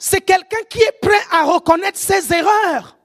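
A preacher with an African French accent gives a sermon, often shouting and checking whether the audience is following. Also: extremely high pitch, measured pace. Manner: animated, often shouting, keeps asking the audience if they follow.

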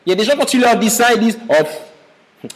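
A man's voice: very high voice, very fast, in a large hall. A man from Gabon preaching a sermon as pastor, speaking straight to his listeners with rising emphasis.

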